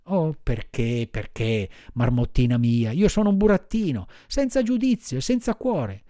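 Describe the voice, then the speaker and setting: A man's voice: mid-range voice, big pitch swings, unhurried, dark tone, no echo, studio quality. A man voicing a wooden puppet boy in an audiobook, wailing and pleading in despair.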